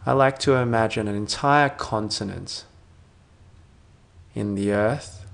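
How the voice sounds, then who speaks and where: A man narrating a guided sleep meditation in a soothing sleep-story manner, with gentle phrases that trail off softly and long pauses between them. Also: fairly low pitch, gravelly.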